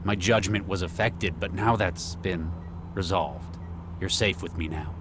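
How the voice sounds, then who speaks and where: A grave, remorseful male agent in a sci-fi game. His voice is very low, measured and earnest, with clear noise behind it. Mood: calm, persuasive. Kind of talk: video game voice acting.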